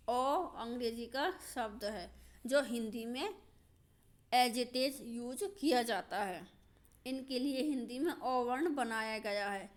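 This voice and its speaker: A high-pitched woman teaches a grammar lesson slowly and patiently. She repeats examples and checks that her students understand.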